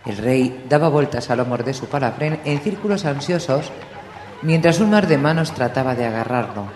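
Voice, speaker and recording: A man's voice: mid-range voice, animated, normal speed, darkish tone. Man narrating in an echoey room. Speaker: audiobook narrator. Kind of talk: audiobook reading. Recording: echoey room with long reverb, faint hiss.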